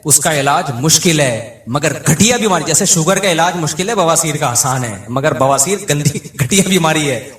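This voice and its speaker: A man giving a humorous religious talk, telling stories with jokey asides. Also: a little high. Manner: storytelling, animated, jokey asides. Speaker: Islamic preacher. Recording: echoey room.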